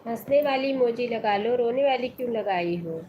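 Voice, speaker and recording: A woman with a Hindi accent from the Awadhi region hosts a live stream, talking casually to viewers and reading their comments aloud. Her voice sits fairly high, and she greets each viewer by name. A faint hiss runs under her phone recording. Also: normal speed, dark tone, rough recording. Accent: Hindi with Awadhi region background.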